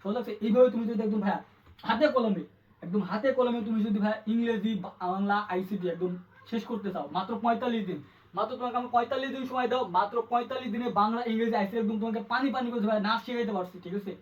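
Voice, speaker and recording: A man teaching an exam-prep grammar lesson, quick and repetitive, asking his students questions again and again. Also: extremely high pitch, recorded from a distance, muffled recording. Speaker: English tutor.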